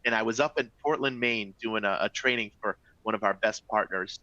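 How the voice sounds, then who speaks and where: A middle-aged travel company executive with a Boston accent presents a training webinar, chatty and upbeat, often checking in with "all right?" and "folks." His voice sits on the low side, brisk and sharp, in a recording with no room sound and the highs cut off.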